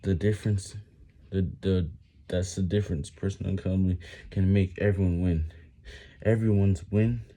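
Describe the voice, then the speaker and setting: Deep, dark-voiced man reading during push-ups. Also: fairly even intonation, normal speed. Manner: stumbling reading, often repeating words. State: physically exerting, reading while doing push-ups. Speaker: vlogger reading on camera. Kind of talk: reading a book aloud.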